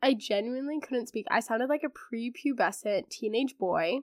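A teen girl recovering from laryngitis hosts a podcast, her congested voice on the high side, expressive and a little mellow at normal speed. She chats casually and sarcastically with many fillers, in studio-quality audio with no echo.

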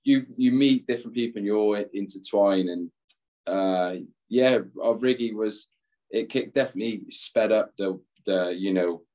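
A fairly low, mellow male voice at normal speed belongs to a young former footballer from England. He's chatting casually in an interview, rambling, laughing a lot, and poking fun at himself.

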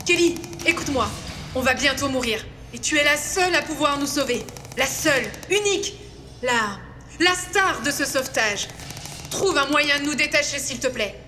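Comedy audio heroine: bossy, sarcastic, exasperated, high sharp voice, echoing noisy hall. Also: female voice, lively intonation, moderate pace. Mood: urgent. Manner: biting, sarcastic. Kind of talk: comedy audio drama acting.

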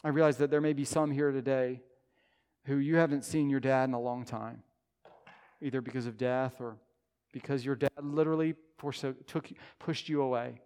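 A man in his thirties preaching a sermon as pastor, earnest and conversational, rising to loud emphatic peaks. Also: medium pitch, steady tone, normal speed, clean tone. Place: church sanctuary. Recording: long church-hall reverb.

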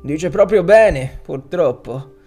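A jovial street flower seller with a gravelly, rough-edged voice, as a male audiobook reader puts him on. He banters and teases like a friendly salesman, pitched a little above the reader's own tone. Faint music sits under the reading. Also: animated, slow pace, darkish tone. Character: chatty middle-aged male street florist.

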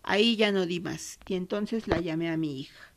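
A woman with an Argentine accent voicing a grieving mother recounting her son's death in a low, subdued tone. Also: normal speed, creaky, a little hiss or hum.

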